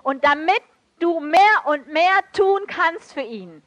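High, bright, emotive woman preacher. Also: lively intonation, slow pace. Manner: emotive, swings from loud outbursts to soft near-whispers; switches briefly into English. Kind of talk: sermon.

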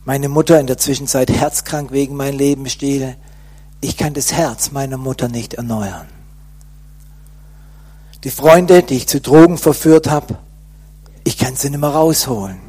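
Man, personal testimony, slow deliberate delivery, husky tone, earnest, softens at grave moments. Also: mid-range voice. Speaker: speaker giving a personal testimony.

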